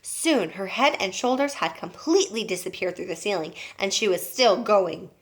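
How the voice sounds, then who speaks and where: Animated woman reading aloud to a class. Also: mid-range voice, moderate pace. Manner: animated, pointing out the pictures. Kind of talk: reading a children's book aloud.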